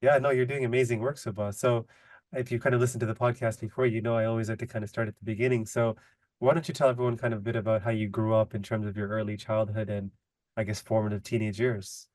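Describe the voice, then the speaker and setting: A man's voice: on the low side, little pitch movement, fast talker, darkish tone, no echo. Easygoing male podcast host, dry sound. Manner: easygoing, says "like" and "kind of" a lot. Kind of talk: casual interview talk.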